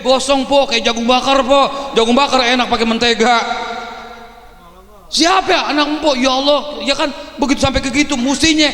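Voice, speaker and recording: Brief: a man doing nosy village neighbors, high chattering excited voices, echoey hall. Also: moderate pace.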